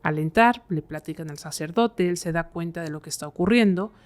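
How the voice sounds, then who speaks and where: Low-voiced woman telling a story. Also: a little fast. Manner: conversational, many fillers like "eh" and "este". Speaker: guest storyteller. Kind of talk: telling a horror story on a podcast.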